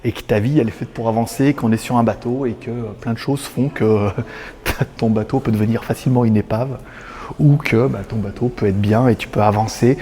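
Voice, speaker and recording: Man vlogger, mid pitch, slangy, laughs a lot, camera audio with clear background noise. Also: steady tone, brisk, dark tone. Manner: chatty and loose, slangy, laughing often, many fillers. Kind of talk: casual vlog commentary. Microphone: handheld camera on a stabilizer.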